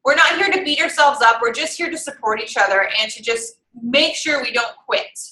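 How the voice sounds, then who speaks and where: A woman's voice: on the high side, brisk, pushed and bright, roomy sound, low-quality recording. A young woman coaching an online fitness group, chatty and encouraging as she works through calorie numbers aloud.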